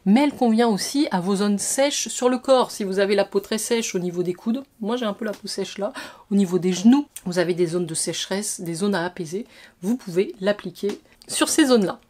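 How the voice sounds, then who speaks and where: A woman's voice: mid-range voice, fairly quick, darkish tone. A woman vlogger unboxing and reviewing skincare products, talking chattily and listing details in short bursts. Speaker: beauty vlogger.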